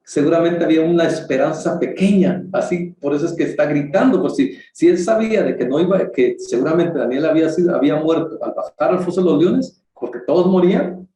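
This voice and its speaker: A man's voice: fairly quick, hardly any pauses, warm tone. Earnest male preacher in an echoey room. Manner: earnest, rises in pitch for emphasis, frequent restarts. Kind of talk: sermon over an online stream. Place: church. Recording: echoey room with faint background hiss.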